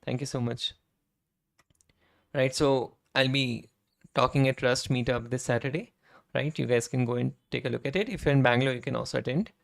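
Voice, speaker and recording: A man on a live coding stream, a streamer and software engineer, talks a little fast in a medium-pitched voice that's hoarse and nearly lost. His conversational chatter is peppered with "right?" and throat clearing, over the sound of typing and clicks.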